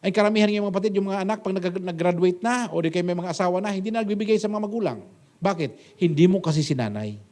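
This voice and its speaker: Male pastor, high-pitched, emphatic sermon delivery with swings between loud exclamations and soft asides. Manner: emphatic preaching, repeated rhetorical "Ha?".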